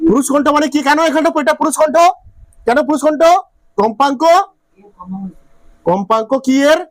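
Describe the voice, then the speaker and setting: A man's voice: very high voice, brisk, no echo. A man teaching a physics class, repeating his questions to the students and checking often that they follow. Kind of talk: classroom lecture.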